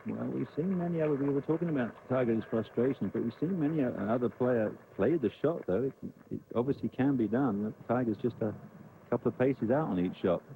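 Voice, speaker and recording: A man's voice: mid-range voice, brisk, gravelly, phone-quality sound. A man giving live golf commentary in an analytical, explanatory way. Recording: faint background noise.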